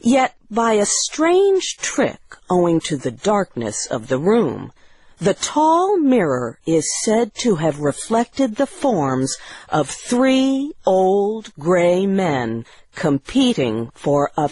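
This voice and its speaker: A woman narrating a story in a slow, deliberate reading voice with clear phrasing. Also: lowish voice, very animated, warm tone, no echo.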